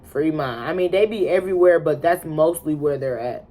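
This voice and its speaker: A woman in her twenties hosts her channel with a deep, warm voice at a moderate pace. The chat is casual and blunt, packed with slang and free swearing.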